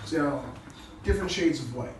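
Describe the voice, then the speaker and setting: Male stand-up comic, crude and loose, laughs at his own bits. Low-quality stream audio, distant and noisy. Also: quick pace. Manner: casual, crude, chuckles at his own jokes. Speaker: stand-up comedian. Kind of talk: stand-up comedy set. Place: small comedy club stage. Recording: echoey low-quality stream from far off with noise.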